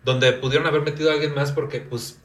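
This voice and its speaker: A man's voice: fairly high pitch, level tone, fast. A man with a Mexican Spanish accent hosting a casual podcast, joking loosely and tripping over words while reading a text aloud. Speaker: podcast host.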